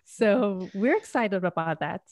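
A woman's voice: medium pitch, expressive, unhurried, a little mellow, no echo, studio quality. A woman who works as a therapist, speaking in an upbeat and encouraging way as an interview guest. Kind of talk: interview conversation.

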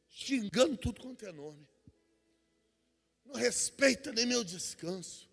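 High, bright-voiced preacher in a hall. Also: male voice, expressive, measured pace, gravelly, husky. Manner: swings from hushed storytelling to shouted preaching. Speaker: preacher giving testimony. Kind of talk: Pentecostal testimony sermon. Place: church. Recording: church hall reverb.

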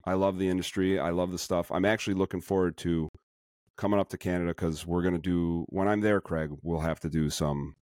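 Deep-voiced Chicago man, rambling chat. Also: fairly even intonation, brisk, a little mellow, no echo, clean studio sound. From suburban Chicago. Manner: rambling, enthusiastic, frequent fillers and restarts. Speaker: podcast host. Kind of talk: casual podcast chat.

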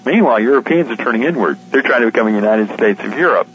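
This publisher and editor of a shortwave radio guide speaks quickly in a medium-pitched, slightly bright voice with lively intonation. Over a dull, lo-fi radio interview line, he explains things conversationally with informal asides.

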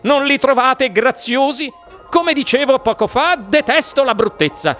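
A man's voice: very high voice, animated, a little slow, a bit bright, soft background music, pitched above the performer's own voice, full character voice. A man reading the part of an eccentric, enthusiastic chocolate maker in an audiobook, coaxing and showy. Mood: exuberant.

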